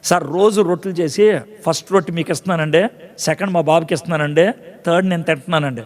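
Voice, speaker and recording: A man preacher voicing a poor widowed mother who speaks lowly and softly to a prophet. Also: quick pace, long reverb tail, lightly acted. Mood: pleading.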